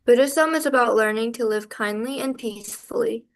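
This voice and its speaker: A woman's voice: on the high side, moderate pace. A woman reading a prepared lesson as a student presenter in a class. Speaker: student presenter and quiz asker.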